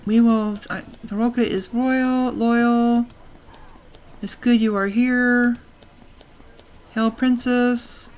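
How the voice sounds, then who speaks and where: A woman playing through a role-playing game reads its text aloud. She drops in casual asides and stumbles now and then over words. Her voice sits slightly high. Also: fairly even intonation, slow pace, pauses often, darkish tone, smooth. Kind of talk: let's play, reading game text aloud.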